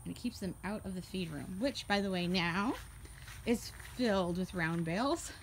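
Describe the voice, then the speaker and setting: A woman giving a casual walkthrough of her horse barn on a handheld phone, chatty and quick to laugh as she points things out. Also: lowish voice, slight background noise. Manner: chatty, laughs often, lists items as she goes. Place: horse barn, paddock and tack room, in and out of doors. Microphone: handheld phone camera.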